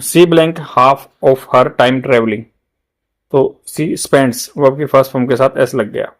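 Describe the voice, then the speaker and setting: A man with an Indian accent teaching English grammar for exam prep, repeating words slowly to drill pronunciation. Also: medium pitch.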